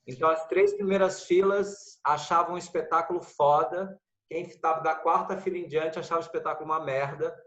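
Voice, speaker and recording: A man's voice: fairly high pitch, steady tone, a little fast, hardly any pauses, fairly bright tone, echoey room, highs cut off. A man with a Brazilian Portuguese accent in an acting class, asking questions and telling stories. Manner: questioning, anecdotal. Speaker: acting student. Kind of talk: class discussion.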